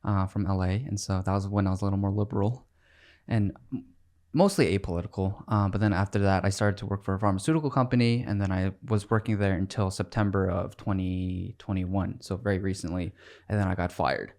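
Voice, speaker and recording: A man's voice: sits low, darkish tone. A man in his twenties, born in Korea and raised in the United States, talking casually as a podcast guest, with frequent restarts. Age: 20s. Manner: chatty, quick restarts, laughs easily. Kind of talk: casual conversational interview.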